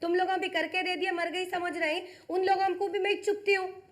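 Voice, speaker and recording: A woman's voice: very high voice, level tone, brisk. A woman playing a married daughter who keeps complaining and feeling sorry for herself, with a Hyderabadi accent. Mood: whiny. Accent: Hyderabadi Urdu. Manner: complaining, self-pitying.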